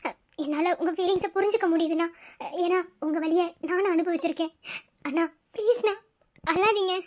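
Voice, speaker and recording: A cartoon voice playing a gentle younger friend who pleads softly and reassures, with a Madurai Tamil accent. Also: very high voice. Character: gentle younger friend comforting an older brother-figure. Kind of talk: cartoon voice acting.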